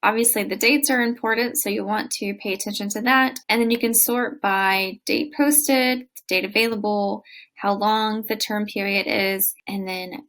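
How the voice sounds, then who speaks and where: A woman's voice: mid-range voice, fairly even intonation, normal speed, fairly bright tone. A woman in her thirties giving a chatty, explanatory walkthrough of a website for her travel vlog. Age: 30s. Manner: chatty, explanatory, laughs often. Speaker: travel vlogger. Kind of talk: screen walkthrough tutorial. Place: house in Oxford, England.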